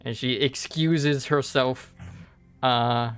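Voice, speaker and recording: A man narrating a tabletop role-playing game as game master, improvising in halting pieces. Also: medium pitch, steady tone, a bit bright, clean tone. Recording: music behind the voice.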